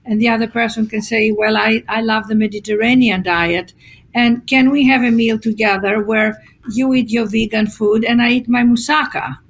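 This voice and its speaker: Expressive woman, fairly high voice. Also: normal speed. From Greece. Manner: expressive storyteller acting out quotes, many fillers. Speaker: guest author. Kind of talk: conversational podcast interview.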